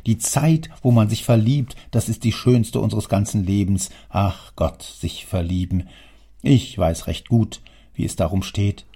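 A man voicing a stern, wealthy old father who scolds his son in an audiobook, speaking in a gravelly, husky, lecturing way. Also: lowish voice, measured pace, mellow. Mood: wistful. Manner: lecturing, indignant, declamatory. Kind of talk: audiobook character reading.

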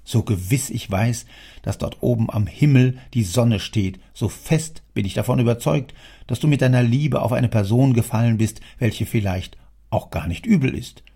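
A man voicing a stern, wealthy old father who scolds his son in an audiobook, speaking in a gravelly, husky, lecturing way. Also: mid-range voice, moderate pace, warm tone. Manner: lecturing, indignant, declamatory. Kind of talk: audiobook character reading.

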